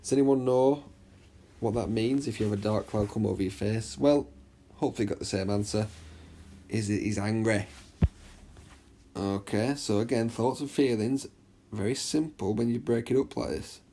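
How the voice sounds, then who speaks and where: Guy teaching literature revision, lowish mellow voice, keeps asking okay?. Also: a little hiss or hum. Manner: chatty, checks understanding with "okay?"; reads the extract aloud slowly. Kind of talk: exam revision lesson.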